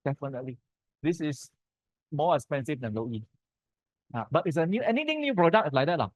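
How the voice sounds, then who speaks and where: This lecturer, a Malaysian-accented man, gives architects a casual technical talk in punchy phrases heavy with sentence-final particles. His slightly high voice swings widely in pitch as he moves briskly. The recording is dry.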